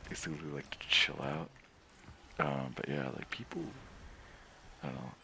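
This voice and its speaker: A man talking to camera in a casual rambling monologue about games, with lots of fillers, frequent laughter and soft, near-whispered asides. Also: rumbling low, very animated, normal speed, creaky, slight background noise. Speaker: streamer and gamer.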